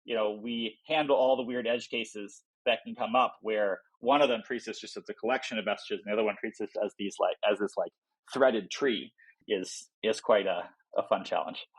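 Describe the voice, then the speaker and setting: A software company founder, appearing as a podcast guest, explains his product in informal interview answers, often voicing imagined quotes along the way. His fairly low voice is steady and breathy at the edges, delivered at normal speed on a rough recording.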